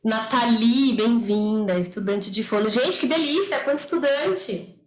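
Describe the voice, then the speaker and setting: A woman speech therapist welcomes people to her informal online study group, chatting away and frequently tossing in "né?". Her voice is fairly high and a little slow. It's picked up by a computer or phone on a video call, with roomy echo and faint noise.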